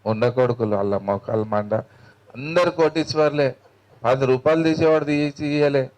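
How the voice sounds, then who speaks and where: Speaking at normal speed in a medium-pitched, slightly mellow voice, a man with a Telangana Telugu accent tells stories in a colloquial style during a spiritual talk as a meditation teacher, voicing each character's lines. The recording is rough.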